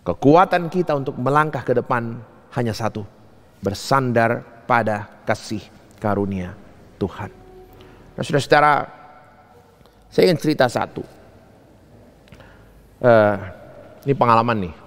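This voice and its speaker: A man's voice: medium pitch, expressive, a little slow, pauses often, long reverb tail. A man preaching a sermon as a pastor, telling stories and acting out the dialogue with rising emphasis. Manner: storytelling, acts out quoted dialogue with rising emphasis. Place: church.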